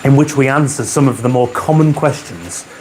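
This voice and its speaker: Male livestream host, mid-pitched, chatty and dryly funny, frequent throat-clearing, faint room hiss. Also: expressive, normal speed, darkish tone, low-quality recording. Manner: chatty, reads out viewer comments with dry humor. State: keeps clearing his throat. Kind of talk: casual live chat. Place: home garage with a model railway layout. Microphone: wearing a microphone.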